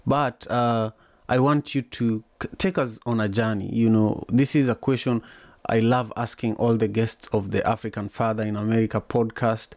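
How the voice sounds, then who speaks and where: A Kenyan man hosts a podcast in a mid-pitched voice that stays fairly flat. He talks steadily and conversationally, and he leans on casual fillers as he goes. The recording is dry and close. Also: no echo. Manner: steady, with frequent "you know" fillers. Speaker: podcast host. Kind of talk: conversational interviewing.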